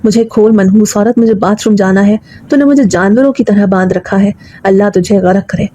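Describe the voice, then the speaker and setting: A woman voicing a confused elderly mother who shouts curses and accusations, in a storybook reading. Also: medium pitch, natural voice. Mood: furious.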